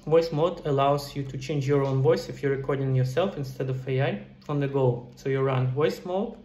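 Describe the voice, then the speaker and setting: Using a headset in a small room at his computer, a middle-aged man casually describes game development steps for a screen-recorded tutorial. His medium-pitched voice has a dark tone and a moderate pace. The recording carries faint background noise and a roomy echo.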